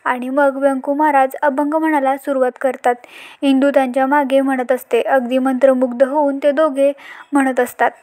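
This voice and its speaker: A woman with a Marathi accent recapping a TV serial episode in steady storytelling narration. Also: high-pitched, normal speed.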